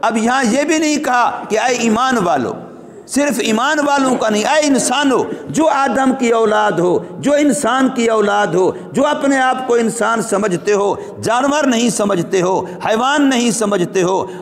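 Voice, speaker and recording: A man's voice: very high-pitched, lively intonation. A man preaching a sermon as an Islamic scholar, building emphasis and drawing out recited verses. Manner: preaching with rising emphasis and drawn-out Quranic recitation. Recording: echoey hall reverb.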